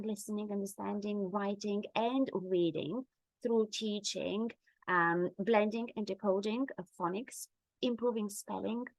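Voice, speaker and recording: In a rough, dry recording, a middle-aged woman presents a webinar online with a mid-range voice. Bulgarian is her first language, and she keeps a friendly tone while saying um and uh often.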